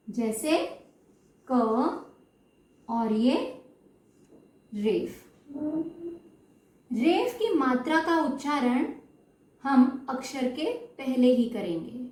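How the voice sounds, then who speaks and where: Slow, high-voiced woman teaching children. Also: darkish tone. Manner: stretches out syllables to model pronunciation, checks in often. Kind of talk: slow explanatory lesson. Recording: echoey room, mic at a distance.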